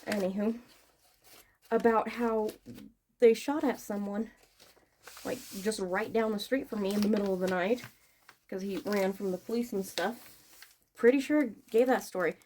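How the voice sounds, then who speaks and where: A woman's voice: medium pitch, normal speed, long pauses, darkish tone, slight background noise. A woman vlogger chatting casually and informally while she works, thinking aloud and drifting between asides. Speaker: online vlogger and small seller packing orders. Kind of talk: casual rambling chat while working.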